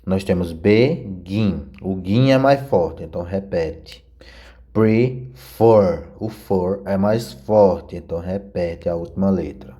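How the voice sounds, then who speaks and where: A man's voice: low voice, a little slow, hardly any pauses, warm tone. A man teaching an English grammar lesson, explaining step by step and checking in with his students. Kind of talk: recorded grammar lesson over slides.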